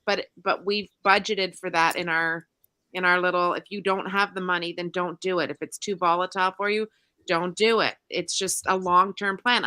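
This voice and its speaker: A woman co-hosting a casual podcast chat, telling stories in an animated, chatty way. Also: fairly low pitch, clean tone. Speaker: co-host.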